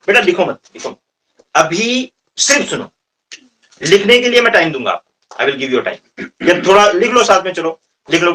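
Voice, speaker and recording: A man's voice: sits high, a bit bright. A man in his thirties with a Hindi accent, teaching English vocabulary in a classroom, firing questions and repeating answers to his students. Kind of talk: classroom lecture. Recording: recorded from a distance.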